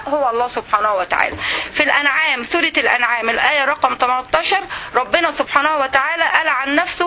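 A woman with an Egyptian Arabic accent giving an earnest religious talk, slowing down to recite verses. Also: high-pitched, bright, forceful tone, slight background noise. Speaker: religious speaker.

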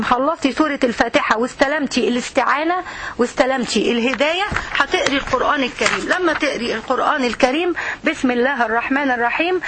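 Fast, high-voiced Egyptian woman teaching. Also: fairly bright tone, breathy edge. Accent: Egyptian Arabic. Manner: earnest, speaks straight to her listeners. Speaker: religious teacher. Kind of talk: religious lesson to women.

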